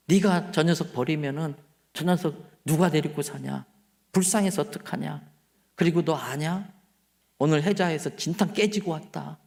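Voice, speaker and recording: Preacher guy doing god talking all soft n tender, like a patient dad, bit gravelly. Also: fairly high pitch, big-room sound. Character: gentle consoling God, male, fatherly and patient.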